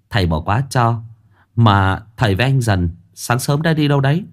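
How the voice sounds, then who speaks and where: A man's voice: mid-range voice, expressive, moderate pace, close to an everyday voice. A man voicing a timid young male disciple who stammers and panics. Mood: sheepish.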